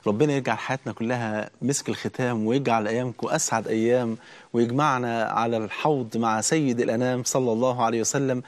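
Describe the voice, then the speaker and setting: Fast, fervent Egyptian preacher man. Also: steady tone. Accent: Egyptian Arabic. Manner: fervent, emphatic preaching that keeps building in pitch and force. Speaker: preacher hosting a Ramadan program. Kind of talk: religious sermon.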